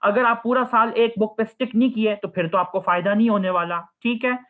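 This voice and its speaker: A man's voice: high voice, fairly even intonation, brisk. A young man, a surgery resident, giving casual advice to students in Hindi-Urdu with English phrases, often saying "okay". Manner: mixes English phrases into Hindi-Urdu, calls listeners 'children'; repeats 'ठीक है' often. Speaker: surgery postgraduate resident answering students' questions. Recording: phone-like narrow audio.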